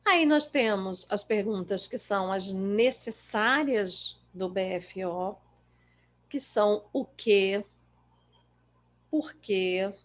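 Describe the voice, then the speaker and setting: A woman with a Brazilian Portuguese accent giving a lecture on coaching questions, lively and emphatic, acting out how clients reply. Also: mid-range voice, slow pace. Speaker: coaching trainer.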